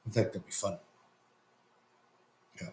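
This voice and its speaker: A man's voice: a little slow, a little mellow, slight background noise. Laughing, joking man in an echoey room. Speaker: co-host. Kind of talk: casual chat.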